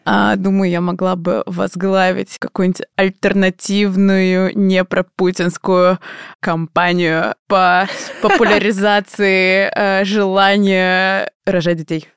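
A woman's voice: mid-range voice, little pitch movement, slow, clear, resonant tone, no room sound, studio quality. A young woman in her late twenties, a podcast guest chatting casually with self-ironic humor and frequent laughs. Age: 20s. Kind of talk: casual interview chat.

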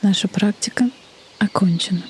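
A woman leading a guided meditation in a soft, breathy half-whisper, with soothing delivery and long pauses. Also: mid-range voice. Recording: faint background noise, birdsong ambience. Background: birdsong and nature ambience.

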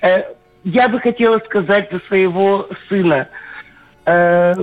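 A middle-aged woman calling in to a radio show over a landline phone, talking haltingly with many pauses and fillers. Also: medium pitch, no room sound. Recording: tinny phone line, faint music behind.

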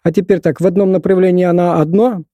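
A man's voice: high-pitched, fairly even intonation, fast talker, warm tone, dry recording. A man in his sixties, a guest in a podcast interview, telling long rambling stories with lots of filler words. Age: 60s. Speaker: podcast guest, hiking expert. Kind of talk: casual interview chat.

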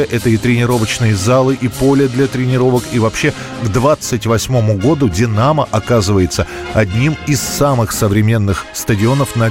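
Guy narrating a history doc, mid-range voice, music in the background. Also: mid-range voice. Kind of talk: scripted history documentary narration.

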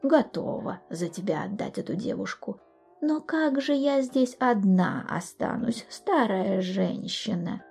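A scheming old sorceress from a storybook tale, put on by a woman narrator, coaxing in a falsely sweet voice that hides her spite. The tone is dark and husky, with soft music behind. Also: medium pitch, exaggerated voice. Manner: sweet-talking, then spiteful. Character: cunning evil old sorceress, spiteful and wheedling.

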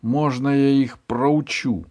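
A man's voice: medium pitch, measured pace, voice pushed up. A man voicing an eager, hot-headed boy who explains things earnestly.

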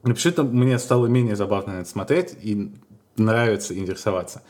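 A man with a fairly low voice co-hosts a casual podcast. He muses and tells stories at an unhurried pace, pausing on small hesitations. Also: expressive, darkish tone. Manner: musing, storytelling, unhurried with hesitations. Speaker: podcast co-host.

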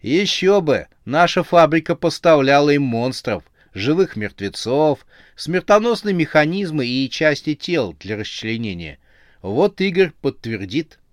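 Ramzes, a man doing a high teasing sidekick. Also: very animated, unhurried, no room sound, studio quality. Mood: confiding. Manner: cheery, teasing. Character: high cheerful mocking male monster-factory worker.

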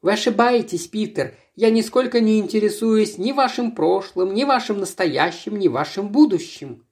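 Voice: medium pitch, animated, normal speed, voice pushed up, lightly acted. A reader putting on a haughty young miss, raised and bossy. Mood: indignant. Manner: imperious, scolding. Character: haughty young woman, employer's niece, bossy and touchy.

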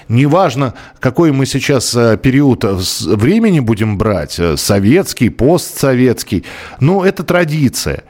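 A man's voice: mid-range voice, a little mellow. Man, talk show host, reads listener messages, conversational, hesitant at times.

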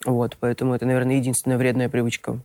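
A man in his twenties, a radio interview guest, talking casually in a relaxed, slightly hesitant way. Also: medium pitch, very fast, dry recording. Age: 20s. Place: radio studio.

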